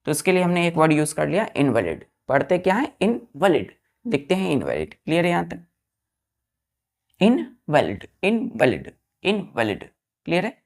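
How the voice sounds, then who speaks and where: A woman's voice: sits low, very animated, moderate pace, darkish tone. A woman with an Indian accent teaching a vocabulary lesson, spelling words letter by letter, repeating them and asking the students check questions. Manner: addresses students as children, asks check questions.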